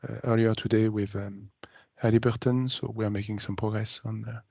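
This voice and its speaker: A man on a video call explaining a planned demonstration to a meeting, halting often with ums and uhs. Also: on the low side, little pitch movement, gravelly, dark tone. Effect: heard over a video call. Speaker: meeting participant presenting a demo. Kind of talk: business meeting update. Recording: dry, slightly muffled video call audio.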